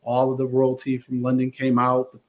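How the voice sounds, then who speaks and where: A man from Connecticut, a guest attorney and theater producer, telling stories in a casual interview with animated delivery. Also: mid-range voice, a little fast. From Connecticut, USA. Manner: animated storyteller, lively voices in anecdotes.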